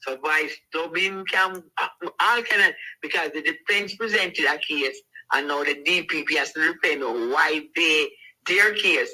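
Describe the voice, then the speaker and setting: A man's voice: a little high, a little slow, bright, forceful tone, rough recording. A man with a Jamaican accent, co-hosting a casual discussion and laying out his points methodically. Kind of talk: casual talk-show discussion.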